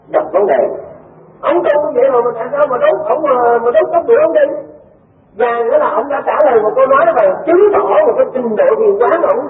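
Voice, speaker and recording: Man, high voice, fast rambling Buddhist talk; tinny lo-fi recording from far off. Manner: rambling, repeats words, addresses listeners. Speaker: Buddhist speaker. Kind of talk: Buddhist dharma talk telling a Zen story. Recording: distant, echoey, phone-like lo-fi with faint noise.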